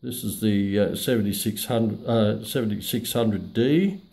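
A middle-aged radio hobbyist reviewer gives an unscripted product demo in a halting way, pausing often. His voice is fairly low, creaky, and darkish. He's indoors in a small room at home, and the noisy recording picks up shortwave radio static and broadcast sound.

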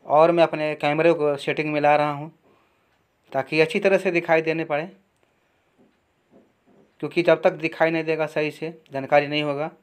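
A man teaching electronics repair, explaining each wiring step slowly and with a lot of repetition at his workbench. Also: fairly high pitch, flat delivery, clear, resonant tone. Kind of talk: hands-on repair tutorial.

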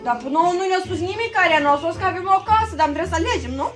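A woman's voice: extremely high pitch, expressive, far from the mic. A woman playing a bossy neighbor wife. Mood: questioning. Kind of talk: comedy sketch acting. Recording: music playing behind.

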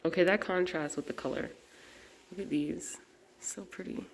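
A woman's voice: on the low side, fairly even intonation, normal speed, gravelly, a little hiss or hum. A woman in her twenties vlogging casually while touring a historic house and garden, talking enthusiastically and saying "like" a lot. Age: 20s. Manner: chatty, enthusiastic, lots of "like". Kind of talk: casual chat. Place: historic house museum and garden, indoors and outdoors.

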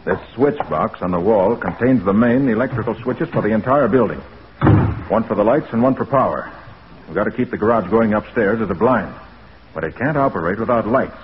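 An actor playing a quick-witted, assured American private detective in an old-time radio drama, brisk and cool under threat. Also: male voice, lowish voice, lively intonation, close to an everyday voice. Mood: determined. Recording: muffled, hissy old radio recording.

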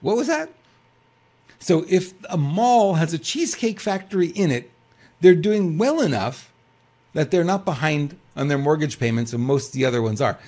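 A man's voice: a little high, animated, normal speed, a little mellow. An older man co-hosting a political news talk show, reading news aloud and commenting casually with rhetorical questions and frequent restarts.

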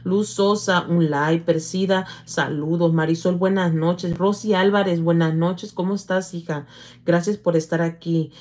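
A middle-aged woman, hosting a casual livestream, reading viewer comments aloud and calling her viewers "hija" in an affectionate, halting manner. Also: fairly low pitch, steady tone, a little mellow. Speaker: livestream host.

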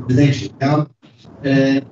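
A man's voice: mid-range voice, completely flat delivery, background noise. Man on a glitchy, cutting-out call. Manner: halting, fragmented speech with hesitations. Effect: glitchy audio that keeps cutting out. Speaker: council president chairing a session. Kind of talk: formal council deliberation over a video call. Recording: distant echoey lo-fi call audio with dropouts.

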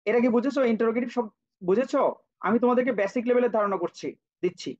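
Very high-pitched and rapid-fire, with a darkish tone, a Bangladeshi man leads an online English grammar class for kids. He spells words out, repeats patiently, and calls on students by name. A cheap computer mic makes the audio dull and lo-fi.

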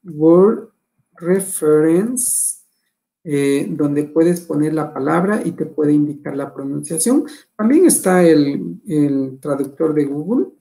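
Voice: medium pitch, animated, measured pace, creaky, warm tone, poor audio. A teacher giving an online English class lecture, hesitant, with many fillers and self-corrections.

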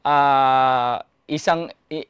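A man's voice: medium pitch, steady tone, clean tone, no room sound, dull audio. A man co-hosting a showbiz talk show, chatting casually and chiming in agreeably. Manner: agreeable, chimes in with quick affirmations. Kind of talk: casual showbiz chat in Taglish.

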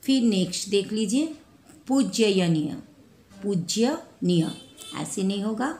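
A woman's voice: medium pitch, expressive, a little mellow. Woman teacher drilling spelling for kids, echoey room, faint background hum. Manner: slow, repeats each word, addresses students as children. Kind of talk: Hindi spelling lesson for children.

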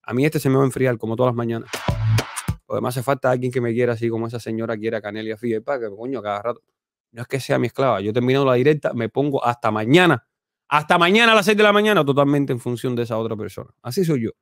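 A man with a Cuban accent hosting a casual commentary livestream, animated and talkative, swinging between loud exclamations and low mutters. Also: quick pace, no room sound, faint music behind. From Cuba. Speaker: host.

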